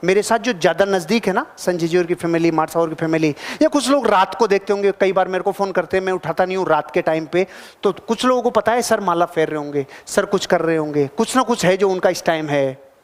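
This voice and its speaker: A man giving a live motivational seminar talk to an audience in a large hall. He is animated, swings between loud bursts and low asides, and keeps asking the crowd questions. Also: brisk. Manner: addresses the audience directly with questions. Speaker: motivational speaker. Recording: long reverb of a big hall.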